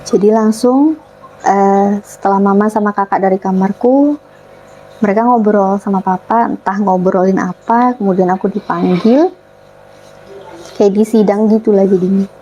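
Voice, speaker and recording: A young woman from Papua, Indonesia, relaxed and chatty as an interview guest, telling her story and acting out her family's words. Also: mid-range voice, normal speed, lo-fi sound, a little hiss or hum. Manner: relaxed, acts out family dialogue in quotes.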